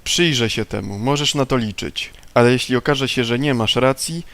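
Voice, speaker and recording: A man's voice: normal speed, no echo, natural voice. Guy reading a stuck-up temperance lady from the game, easily offended, dry close mic. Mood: indignant. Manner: reads a woman's lines aloud, a little higher and louder. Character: prim middle-aged woman, temperance leader, indignant. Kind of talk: reading game dialogue aloud.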